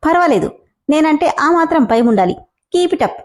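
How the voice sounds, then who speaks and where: A fiery young college senior, voiced by a woman narrator, sharp and bossy. Her tone is high and mellow rather than bright. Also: animated, brisk. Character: fiery hot-tempered female college senior.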